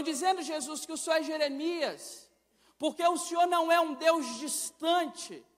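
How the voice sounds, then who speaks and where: A young Brazilian man preaching a sermon with passion, moving between loud, emphatic lines and hushed ones. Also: very high voice. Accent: Brazilian Portuguese. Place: large church hall. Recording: reverberant church hall.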